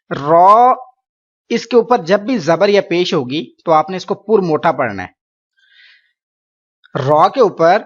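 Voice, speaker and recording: In an online lesson, a Pakistani man teaches Quran reading, explaining patiently and mixing in English words. His voice sits high and the sound is lo-fi, and he draws syllables out slowly so students can repeat them.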